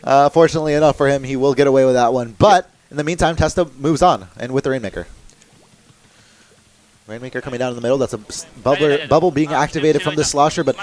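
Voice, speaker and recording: Fast excited young esports caster. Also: male voice, mid-range voice. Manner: fast excitable play-by-play with laughs. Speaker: esports play-by-play commentator. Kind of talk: live esports commentary.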